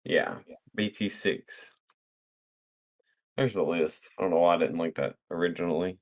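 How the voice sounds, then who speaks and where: A man co-hosting a podcast, relaxed and jokey, reading out listener questions in casual chat. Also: low voice, moderate pace. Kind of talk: casual card game chat.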